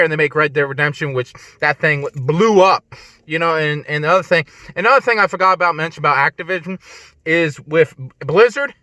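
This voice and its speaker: A man rambles through his stock picks from a parked car, circling back with "but anyway" after every tangent. His voice is fairly high and bright, a little congested, and the recording is close and dry. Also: dry recording. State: congested, clearing throat. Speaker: stock-picking video host. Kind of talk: casual rambling stock talk. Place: in a car on a windy day.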